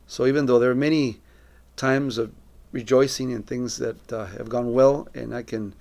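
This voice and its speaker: Sharing a personal missionary testimony, a middle-aged man from Colombia speaks with earnest reflection and carefully chosen words. His voice is very creaky and gravelly at an ordinary male pitch, a little mellow, with fairly even intonation and a normal speed.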